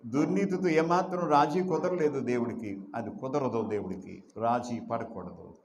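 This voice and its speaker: A man's voice: medium pitch, normal speed, roomy sound, slight background noise. A man preaching a sermon as pastor, emphatic, asking rhetorical questions and drawing out repeated phrases.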